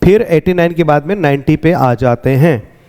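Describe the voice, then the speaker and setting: A man going through exam answers as a teacher, slowly explaining and repeating words to drill pronunciation. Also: on the high side, mellow, long reverb tail. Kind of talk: exam answer walkthrough lesson.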